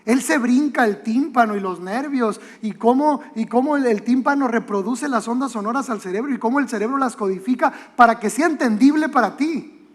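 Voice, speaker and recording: A man's voice: very high-pitched, fairly quick. Mexican male pastor preaching in a reverberant hall. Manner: conversational, rhetorical questions and joking asides. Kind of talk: sermon. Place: church auditorium. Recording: long hall reverb from a church auditorium.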